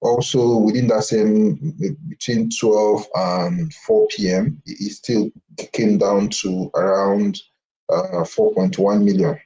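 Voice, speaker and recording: Trader on a video call: man with a low, mellow voice, talking loosely with restarts and "right?" tags. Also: lively intonation, slow pace, poor audio. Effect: voice heard over a video call. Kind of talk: casual market discussion.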